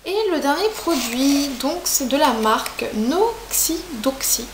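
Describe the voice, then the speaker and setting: A young woman with a fairly high voice talks through beauty products in a loose, chatty review, often stopping on fillers. Her voice bounces around an echoey room, with a faint hiss underneath. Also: a little slow. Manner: chatty, hesitant, many fillers. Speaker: beauty vlogger.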